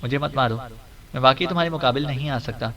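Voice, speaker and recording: A man's voice: mid-range voice, highs cut off, crowd noise, natural voice. A man playing a beaten colonel begging for mercy. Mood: pleading. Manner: pleading, shaken. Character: defeated, pleading male enemy colonel. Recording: distant mic.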